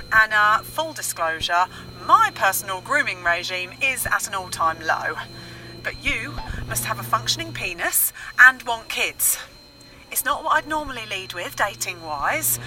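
A woman's voice: a little high, bright, forceful tone, poor audio. A woman playing a giggly survivor in her thirties. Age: 30s. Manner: chatty, giggly, rambling. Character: chatty lonely female survivor, 30s.

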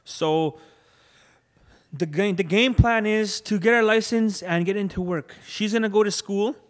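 An earnest young man tells his personal story as an interview guest, his voice on the higher side and sinking soft and low when he is moved. The recording carries a long reverb from the room. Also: measured pace. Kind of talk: emotional personal testimony. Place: room where he married.

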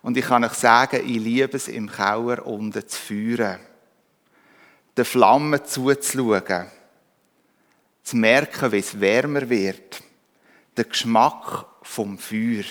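A man with a Swiss German accent preaching a calm, reflective sermon in a church. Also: mid-range voice, takes it slowly, pauses often. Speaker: pastor. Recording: reverberant church hall.

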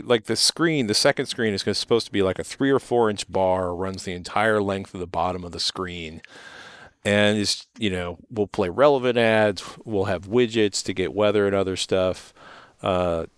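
A man's voice: fairly low pitch, clear, resonant tone, no room sound. A man co-hosting a home theater tech show in casual chat, wry and rambling, often restarting his sentences.

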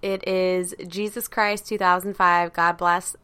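A woman co-hosting a podcast in casual chat, relaxed, teasing and blunt about her opinions. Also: fairly low pitch, a little slow, clean tone. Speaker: podcast co-host.

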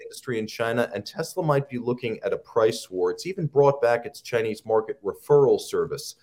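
A man's voice: medium pitch, animated, fairly quick, a little mellow. A man hosting a podcast in a conversational presenting style, with a wry manner and jokey asides. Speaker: podcast host.

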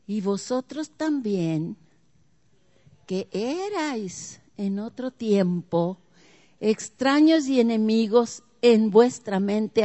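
A woman preacher, preaching a dramatic sermon that swings from hushed to loud and keeps asking the congregation questions. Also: on the high side. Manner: asks the audience questions.

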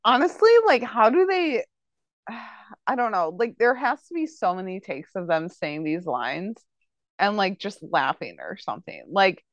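A woman's voice: medium pitch, a little slow, dry recording, muffled recording. A woman co-hosting a podcast, chatting casually and conversationally about a TV show. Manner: animated, conversational, uses fillers. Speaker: podcast co-host.

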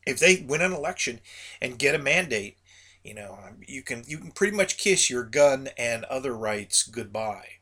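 A man with a gravelly voice hosts a podcast alone, talking casually in a rambling, folksy, conversational way. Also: mid-range voice, animated, moderate pace, pushed and bright. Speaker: podcast host. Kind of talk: casual solo podcast monologue.

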